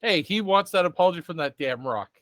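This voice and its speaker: A man's voice: high-pitched, animated, fairly quick, fairly bright tone, no echo. A man chatting informally and casually as a player on a tabletop role-playing show. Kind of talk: casual group chat.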